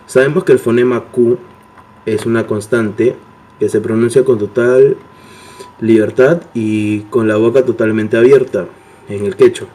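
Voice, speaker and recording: Young male student, mellow voice, reading a class presentation steadily. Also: medium pitch, steady tone, a little slow. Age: young adult.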